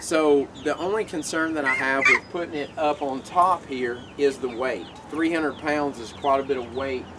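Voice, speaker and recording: A man's voice: medium pitch, moderate pace, few pauses. Man rambling through a backyard build. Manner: relaxed, rambling, frequent fillers. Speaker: homesteader showing a DIY build. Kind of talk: casual how-to explanation. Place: outdoors by a chicken coop. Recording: outdoor noise, distant mic.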